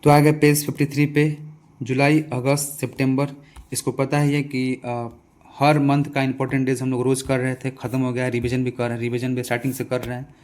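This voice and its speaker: A man's voice: mid-range voice, little pitch movement, fairly quick, darkish tone. A man with a Bihari Hindi accent teaching a casual exam revision lesson, asking quiz questions and answering them himself. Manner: conversational, repeats answers, asks and answers own questions.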